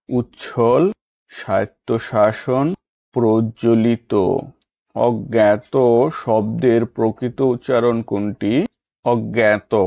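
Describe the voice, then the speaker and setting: Slow, measured male teacher reading a lesson. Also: medium pitch, gravelly, mellow, no room sound, highs cut off. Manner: reads each question then its answer slowly and deliberately; formal, measured delivery. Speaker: exam prep teacher. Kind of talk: scripted exam lesson.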